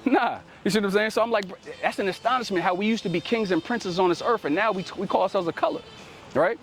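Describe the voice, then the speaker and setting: A man with a high-sitting voice preaches fast on a city street, tagging "right?" onto almost every sentence and firmly instructing a helper to read aloud. Faint music plays in the background.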